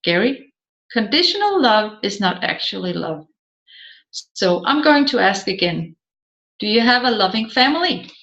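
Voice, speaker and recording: Reading from a self-help seminar transcript, a woman voices both the lecture and the Q&A dialogue at a moderate pace. Her mid-range delivery is sing-song and a touch bright. There's a roomy echo and a somewhat muffled lo-fi quality.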